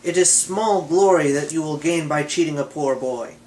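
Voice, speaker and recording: A man's voice: fairly high pitch, moderate pace, a little mellow, close to an everyday voice. A man reading as a young male god, storybook style. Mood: plaintive. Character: young male god, pleading then commanding.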